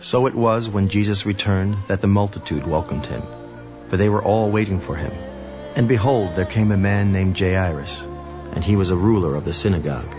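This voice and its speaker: A man narrating scripture in a steady, even storytelling way. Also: low-pitched, moderate pace. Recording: dull lo-fi audio with music behind.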